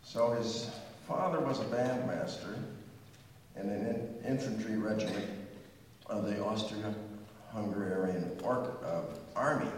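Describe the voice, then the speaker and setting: An older man gives a chatty, digressive music history talk before a concert, full of asides and a few hummed snatches of melody. His voice is fairly low in pitch and a little mellow. Recorded from far off in an echoey hall, the audio has a little hiss or hum.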